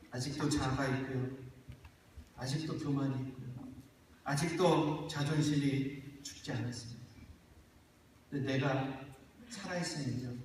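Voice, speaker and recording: A middle-aged man preaching a sermon as pastor, putting questions to the congregation and swinging from loud cries to quiet, earnest talk. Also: medium pitch, a little hiss or hum. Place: church sanctuary. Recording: echoey church hall from far off.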